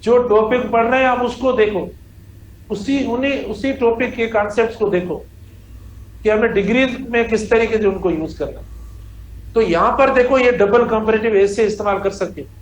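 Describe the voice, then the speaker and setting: A man's voice: high-pitched, normal speed, echoey room, slight background noise, rough recording. A man teaching English grammar in a classroom lecture, drawing out example sentences word by word and calling students "beta". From Pakistan.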